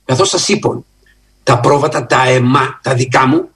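A male preacher delivering an earnest, emphatic sermon in a husky, breathy voice of middle pitch. He leans hard on key phrases, lifting his pitch and slowing down to stress them. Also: fairly bright tone.

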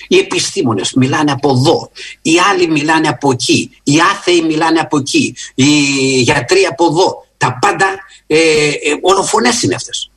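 A man preaching a sermon in an earnest, emphatic way, often rising in pitch and slowing for stress. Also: breathy edge. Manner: earnest, emphatic, with lively rises in pitch and slow stressed phrases.

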